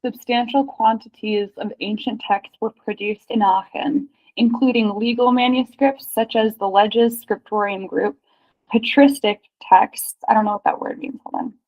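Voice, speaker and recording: A woman in a casual research chat, excitedly reading history passages aloud in quick bursts. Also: on the high side. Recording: dull lo-fi sound.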